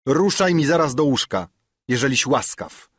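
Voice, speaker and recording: A man reading an audiobook voices a blunt, commanding old grandfather who scolds loudly in a raised voice. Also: medium pitch, expressive, normal speed, breathy edge, dry recording, voice pushed up. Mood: scolding, gruff.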